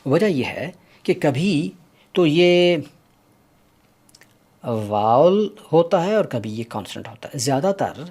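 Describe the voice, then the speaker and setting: A male language teacher in an explanatory lesson, repeating each letter and sound aloud with deliberate care. His pitch rises and falls with a lively, animated swing. He speaks to his learners directly and politely. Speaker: English pronunciation teacher.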